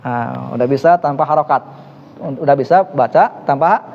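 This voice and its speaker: A man's voice: medium pitch, moderate pace, gravelly. A man teaching an Arabic class, encouraging his students and praising often. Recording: lo-fi, reverberant room.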